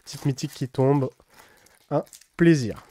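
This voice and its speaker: A relaxed man hosts a card-opening video with casual unboxing commentary, full of fillers. His voice sits at medium pitch, and he reads card names slowly in a put-on English accent. The recording is dry.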